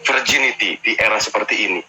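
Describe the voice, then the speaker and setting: A man hosting a casual live stream chat, playful and quick to burst out laughing. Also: on the low side. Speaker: host. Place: live social media video stream. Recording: noisy live stream audio.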